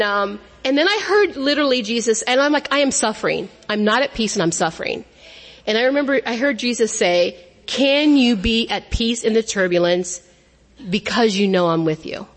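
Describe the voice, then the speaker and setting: A woman's voice: mid-range voice, long reverb tail. A woman earnestly telling a faith testimony, repeating phrases as she speaks.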